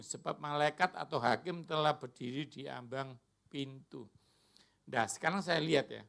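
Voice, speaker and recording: Pastor preaching in church. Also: male voice, on the high side, creaky, a bit bright. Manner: colloquial preaching, acts out quoted voices. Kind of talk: sermon. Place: church worship service.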